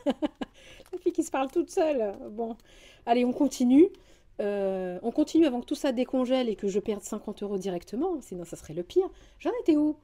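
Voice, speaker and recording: A young French woman, chatting casually through a grocery haul vlog, rambling and quick to get indignant. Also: mid-range voice, mellow. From France. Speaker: vlogger.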